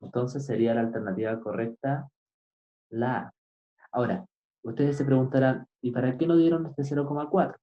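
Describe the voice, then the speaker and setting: A man teaching physics, explaining a problem step by step and often pausing to ask his students if they follow. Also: medium pitch, fairly even intonation. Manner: keeps asking "right?" to check understanding; patient, step-by-step. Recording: dull lo-fi recording.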